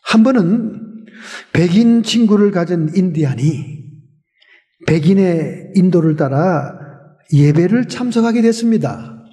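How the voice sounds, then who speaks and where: A man's voice: high voice, lively intonation, a little slow, pauses often, warm tone. A male pastor preaching a sermon, telling a story with rhetorical questions and emphatic exclamations. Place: church sanctuary. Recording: long church reverb.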